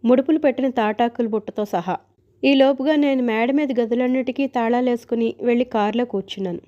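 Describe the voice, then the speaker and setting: A woman narrating a story aloud, wry and chatty in her telling. Her voice sits fairly high and sounds mellow, and the recording is dull and lo-fi. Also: fairly quick.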